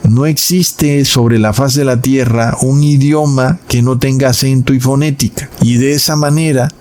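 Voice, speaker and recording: A man preaching in a sermon-style Bible lesson, addressing his listeners as brothers and slowing down on key words for emphasis. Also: mid-range voice, steady tone, a little mellow.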